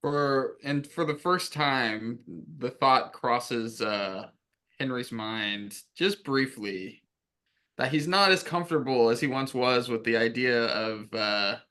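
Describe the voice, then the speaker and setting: A man's voice: medium pitch, takes it slowly, sharp tone, clean tone. A man playing in a tabletop horror game, speaking wryly as he narrates his character's thoughts. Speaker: player.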